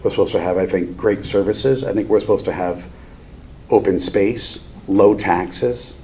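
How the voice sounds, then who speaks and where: Male finance board member, deep and warm-toned, explanatory meeting remarks, slight background noise. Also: unhurried.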